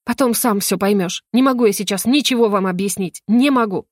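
A woman reading the part of a secretive young woman friend who speaks quietly and hesitantly. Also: mid-range voice, fairly quick, no echo, clean studio sound, close to an everyday voice. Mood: weary.

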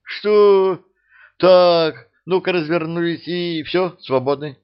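A man voicing a brash, quick-tempered young adventurer who flares up with indignant bursts, in a dull lo-fi audiobook recording. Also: fairly high pitch, sing-song, pitched above the performer's own voice.

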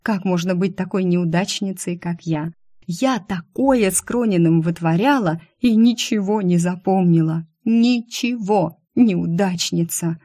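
A woman narrating a first-person audiobook in a wry, lively storytelling manner. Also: lowish voice, a little slow, no echo, studio quality.

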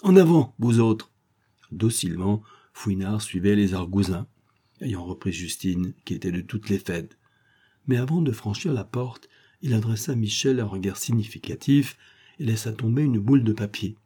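Low, husky male narrator. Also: moderate pace, warm tone. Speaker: audiobook narrator. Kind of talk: audiobook narration.

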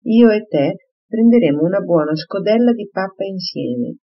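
A man's voice: high voice, lively intonation, normal speed, pitched above the performer's own voice. A reader doing a fussy old fretting father. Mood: fretful. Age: older. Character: fussy anxious elderly father, fretful and doting. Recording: slightly muffled recording.

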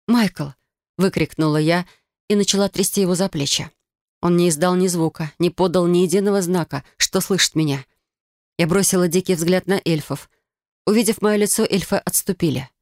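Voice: mid-range voice, no room sound, studio quality. An audiobook narrator reading a first-person fantasy story with an emotive, dramatic delivery.

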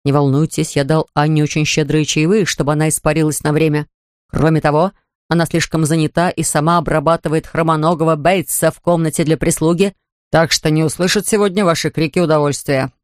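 A man doing a pampered, amorous young man in a storybook reading, his voice pitched low and murmuring. The sound is close and dry, with no room around it. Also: flat delivery, fairly quick, smooth, dry recording, lightly acted. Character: amorous wealthy young man, playful, indulgent. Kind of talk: audiobook character reading.

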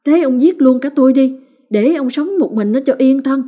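Woman putting on a shrill, furious village mother. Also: lightly acted. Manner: scolding, shouting in rapid bursts. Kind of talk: audiobook character voice.

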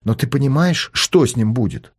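A man's voice: medium pitch, animated, moderate pace, breathy edge. A man voicing an anxious, scheming older mother fiercely devoted to her sons, pleading and insistent.

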